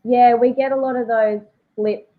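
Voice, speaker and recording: A woman's voice: on the high side, steady tone, moderate pace. A woman in her thirties with a broad Australian accent, chatting casually and jokily as an interview guest over a video call. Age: 30s. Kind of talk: casual chat. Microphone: remote video call. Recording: thin, phone-like call audio.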